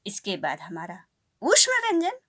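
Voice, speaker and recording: A woman teaching a lesson to children, speaking slowly and clearly, repeating key points and asking the class questions. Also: fairly high pitch, wildly swooping pitch, pushed and bright.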